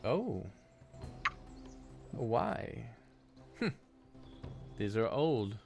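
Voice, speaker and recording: Man playing a slow, bright-toned creepy merchant, overly polite and curious, music underneath. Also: medium pitch, very animated, gravelly, exaggerated voice. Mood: sly salesman. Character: creepy soft-spoken male shopkeeper who eats people.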